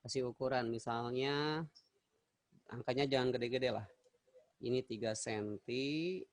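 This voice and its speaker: A man's voice: medium pitch, measured pace, no echo. A male teacher giving an online math lesson, chatty, correcting himself and quizzing his students.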